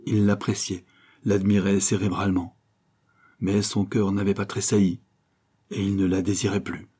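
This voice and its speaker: A man narrating a classic novel as an audiobook, measured and expressive. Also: on the low side, husky. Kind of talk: scripted literary narration.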